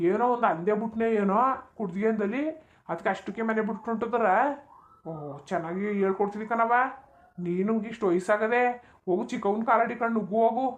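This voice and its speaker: A woman's voice: on the high side, muffled recording, lightly acted. A woman voicing a grumbling old village grandfather who drinks, in a cartoon, bickering defensively. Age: older.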